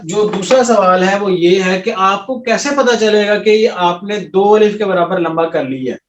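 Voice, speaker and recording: A man teaching an Arabic recitation class, patiently repeating sounds slowly and quizzing his students. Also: sits high. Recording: echoey room, voice from a distance, dull sound.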